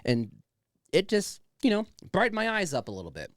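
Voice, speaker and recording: A man's voice: high-pitched, wildly swooping pitch, fairly quick, no echo, studio quality. A man hosting a podcast in a casual, chatty, enthusiastic way with informal, sweary talk. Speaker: podcast host. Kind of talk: casual chatty show introduction.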